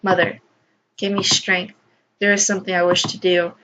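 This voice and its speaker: A woman's voice: on the low side, flat delivery, normal speed, fairly bright tone, slight background noise, natural voice, rough recording. A woman voicing a meek, apologetic young girl in a visual novel read-aloud. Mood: resolved. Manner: apologetic, timid. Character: meek, guilt-ridden, obedient young girl.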